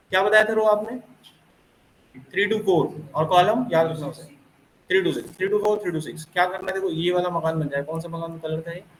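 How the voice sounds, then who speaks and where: A man with a fairly high voice teaches a coding class, switching between Hindi and English and using homely analogies. He stops often to quiz his students and praise their answers. The sound is roomy and echoey, with a faint hum underneath. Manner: mixes Hindi with English phrases. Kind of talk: recorded classroom lecture.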